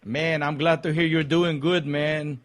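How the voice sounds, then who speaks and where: A man hosting a live radio call-in show, addressing guests and listeners with drawn-out announcer phrasing. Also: a little high, flat delivery. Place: radio studio.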